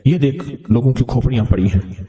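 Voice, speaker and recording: A man voicing a cruel male highway robber who boasts and taunts his victim. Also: lively intonation, warm tone, natural voice. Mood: taunting. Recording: roomy echo.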